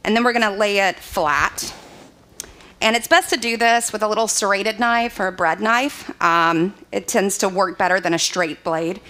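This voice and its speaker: A woman's voice: medium pitch, moderate pace, pushed and bright. A young adult woman chef, giving a live cooking demonstration in a chatty way with many fillers. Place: open screened dining hall.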